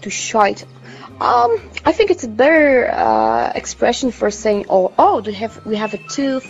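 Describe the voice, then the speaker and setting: Polish lady cohosting a podcast, kinda gravelly, laughs at herself a lot, dull lo-fi sound. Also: a little high, lively intonation, measured pace, soft background music. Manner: laughing, joking, self-deprecating. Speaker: podcast co-host. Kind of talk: casual chat.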